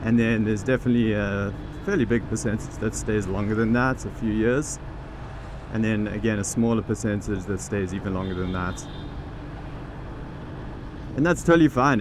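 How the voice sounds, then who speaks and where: A lowish-voiced vlogger, founder of a teaching program, muses out loud on camera while he weaves through urban traffic on his motorbike. The talk is easygoing and conversational, full of restarts, with street noise behind it.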